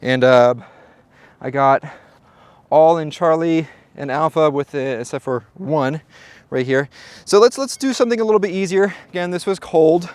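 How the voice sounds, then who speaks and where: A man with a fairly high, clean, darkish-toned voice hosts a shooting channel vlog at the range, narrating at a normal speed. He is playful, makes jokes and talks to the viewer, sometimes getting out of breath, and the recording is dry.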